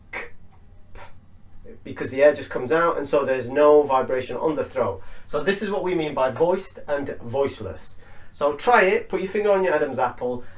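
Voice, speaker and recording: A man teaching an English lesson, explaining slowly and deliberately and spelling out each sound. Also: medium pitch. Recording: echoey room.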